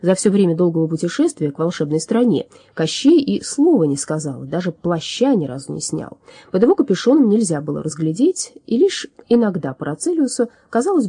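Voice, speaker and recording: Mellow, husky woman narrating a fairy tale. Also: lowish voice, a little fast, hardly any pauses, no echo, studio quality. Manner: expressive storytelling. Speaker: audiobook narrator.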